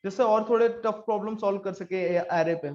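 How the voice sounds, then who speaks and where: A man's voice: high-pitched, fairly even intonation, brisk, darkish tone, roomy sound, muffled recording. A man teaching a live online coding class in a chatty, casual way, often turning to ask his students questions. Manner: chatty, mixes English into Hindi, asks the class questions.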